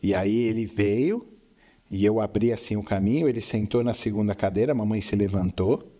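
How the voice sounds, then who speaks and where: A man's voice: fairly low pitch, normal speed, mellow. A middle-aged man, the father co-hosting, telling a story casually and often checking that his listener follows. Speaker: co-host, father. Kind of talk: casual storytelling chat on faith.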